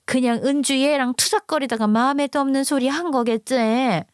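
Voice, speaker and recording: A woman doing a shrill, scoffing middle-aged mother. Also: moderate pace, clear, resonant tone, no echo, clean studio sound, close to an everyday voice. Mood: dismissive. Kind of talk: storytelling acting.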